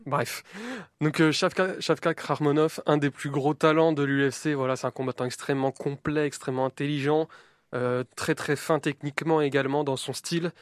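A man's voice: fairly high pitch, steady tone, brisk, no echo, clean studio sound. Eager young-sounding man breaking down a fighter. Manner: enthusiastic, methodical, self-deprecating. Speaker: co-host of a combat sports show. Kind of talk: casual sports debrief, detailed fighter analysis.

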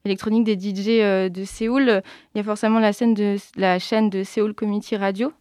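A woman's voice: medium pitch, flat delivery, brisk, a little mellow, no echo, clean studio sound. A woman talking as a radio guest in a casual interview, hesitant and full of fillers.

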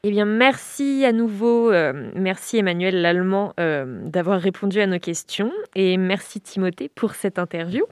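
A woman hosting a radio show, lively and friendly as she thanks guests and announces segments. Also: mid-range voice, moderate pace, few pauses, dry recording. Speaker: radio host.

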